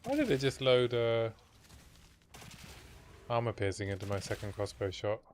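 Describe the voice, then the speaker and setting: A man streaming a video game, thinking out loud to himself in casual commentary as he plays. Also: medium pitch, animated, moderate pace, a little hiss or hum. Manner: musing aloud to himself while playing.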